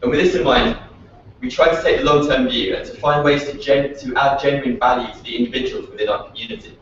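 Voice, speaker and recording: A man's voice: mid-range voice, fairly even intonation, quick pace, slight background noise. A man who founded a startup, giving a prepared, reflective talk at a meetup. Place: echoey venue room at a meetup. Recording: echoey, distant, dull lo-fi audio.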